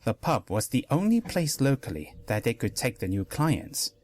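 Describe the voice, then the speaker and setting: A man narrating a pony fanfic story as a dramatic reading, expressive throughout. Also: mid-range voice, moderate pace, slight background noise.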